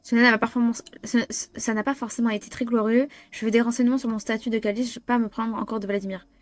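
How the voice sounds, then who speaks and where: Young woman streamer voicing a visual novel; excitable, cursing, slightly high, dry close sound. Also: quick pace, dry recording. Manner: excitable, swears, restarts lines. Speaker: gamer. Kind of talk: playing a visual novel aloud.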